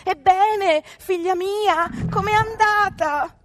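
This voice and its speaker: A woman voicing a shrill, scheming older mother in a storybook reading, exclaiming in a high voice. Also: slow.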